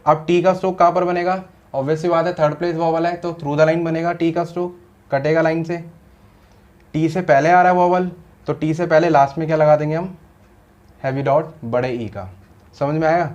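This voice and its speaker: Male shorthand teacher, step-by-step lesson, rhetorical checks, muffled low-fidelity audio. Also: steady tone, moderate pace, darkish tone. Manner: explains step by step with rhetorical questions; mixes Hindi with English terms. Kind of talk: classroom-style lesson explanation.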